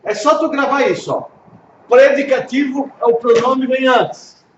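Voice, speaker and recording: A man's voice: very high-pitched, fairly even intonation, a little slow. A Brazilian man, a pastor, gives an informal Hebrew lesson, patiently repeating pronunciations and checking understanding. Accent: Brazilian Portuguese. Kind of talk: informal one-on-one language lesson. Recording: echoey room, dull lo-fi audio, faint noise.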